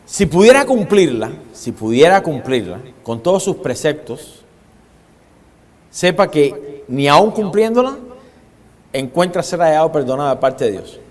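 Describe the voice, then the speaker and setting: A man preaching a sermon as a pastor, dramatic, shifting his pace and loudness and putting questions to his congregation. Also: a little high, sing-song, a little slow. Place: church hall with congregation. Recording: long hall reverb.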